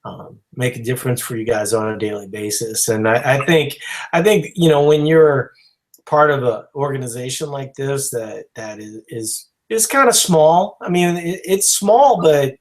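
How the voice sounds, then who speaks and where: A man's voice: mid-range voice, expressive, normal speed, low-quality recording. A man, a company founder, making a casual spoken announcement to his followers, rambling with many fillers and restarts. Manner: rambling, full of "you know" and restarts.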